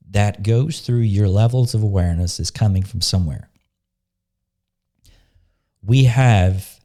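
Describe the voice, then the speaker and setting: A man leading a guided meditation, talking slowly and softly in an unhurried, calm way, pausing and restarting phrases. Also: on the low side. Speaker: spiritual teacher leading a meditation. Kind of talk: slow, soft-spoken guided meditation talk.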